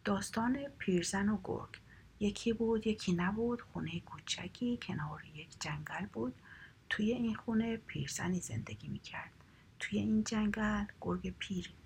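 A woman reading a children's story aloud in a soft, half-whispered storytelling voice. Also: medium pitch, gravelly, slight background noise.

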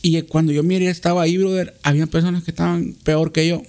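Animated man telling a story. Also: a little high, quick pace. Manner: animated, says brother often. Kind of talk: casual storytelling.

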